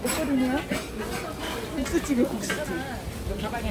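A woman's voice: high voice, moderate pace, over a noisy crowd, heavy background noise. A woman chatting casually to the camera through a face mask at an outdoor market. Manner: chatty, talking to herself and the camera. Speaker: vlogger. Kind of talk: casual vlog commentary while out skating and shopping.

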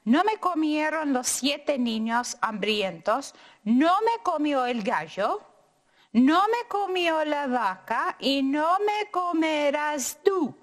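A woman voicing a small, frightened runaway tortilla in a children's storybook, with high, loud, pleading cries. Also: sing-song, takes it slowly, exaggerated voice. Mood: defiant.

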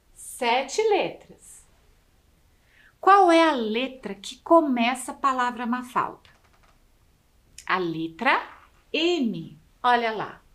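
Slow, bright Brazilian woman teacher. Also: fairly high pitch. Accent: Brazilian Portuguese. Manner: syllable-by-syllable, exaggerated enunciation. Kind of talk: slow, drawn-out classroom instruction for children.

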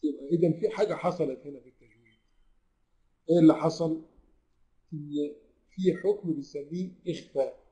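A man with an Egyptian accent teaching tajweed to an online class, who puts questions to his students, answers them himself, and draws the recited verses out slowly. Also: a little high, mellow, poor audio. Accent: Egyptian Arabic.

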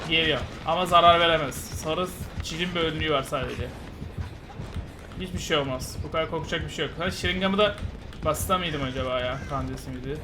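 A young man giving playful, casual commentary while playing a game, muttering one moment and shouting excitedly the next. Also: a little high, a little fast, noisy background. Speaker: gaming streamer. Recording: game music behind the voice.

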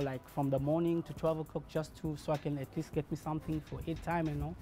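A man in his thirties from Congo talks through how he became a barber, earnest and unhurried. His voice sits slightly on the high side for a man. Soft music plays faintly beneath him. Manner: earnest, measured, acts out remembered dialogue. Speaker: barber and shop owner. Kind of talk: documentary interview, personal story.

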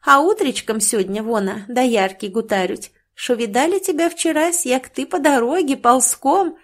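A woman's voice: high voice, moderate pace, voice pushed up. A woman voicing a mocking village milkmaid with a southern Russian village dialect, gossiping and teasing. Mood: gossipy.

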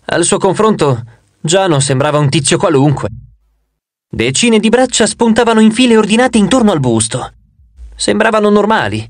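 A man narrating an audiobook in the first person, expressive with a wry touch. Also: on the high side, dry recording.

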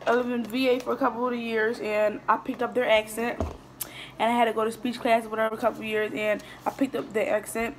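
Slightly high and fairly flat in pitch, this teen girl talks quickly between bites, fielding viewer questions in a laid-back mukbang with plenty of fillers and restarts, her mouth sometimes full. She's at a table in a small room, recorded on a phone camera set in front of her, with light background noise.

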